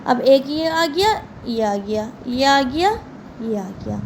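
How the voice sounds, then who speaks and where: Female teacher, high pitch, drills students with repeated questions, light background hum. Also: lively intonation, slow. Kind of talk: lecture.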